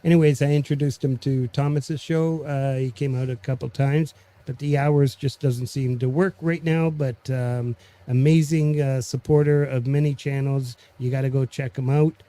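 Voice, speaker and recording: A man with a French Canadian accent hosting a casual, unscripted live stream, halting and pausing mid-sentence. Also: mid-range voice, steady tone, dark tone. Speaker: host of a music community live stream.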